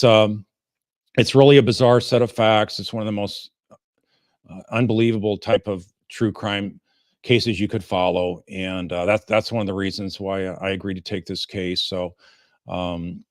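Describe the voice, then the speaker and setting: A man hosting a livestream of legal commentary, talking informally and haltingly as he takes audience questions. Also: deep voice, no room sound, clean studio sound. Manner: halting, informal, rambling delivery. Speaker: host, defense lawyer commenting on a trial.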